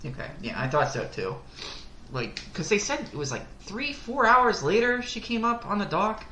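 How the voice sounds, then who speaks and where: A woman's voice: mid-range voice, big pitch swings, moderate pace, bright, forceful tone, reverberant, a little hiss or hum. A woman co-hosting a podcast in casual chat, loose and profane, laughing easily. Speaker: podcast co-host.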